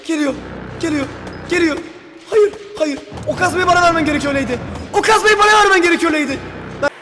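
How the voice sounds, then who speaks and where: Game commentator, male, very high and fast, shouty and excitable, loud music behind. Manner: excitable, shouting, addresses viewers as friends. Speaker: gaming video creator.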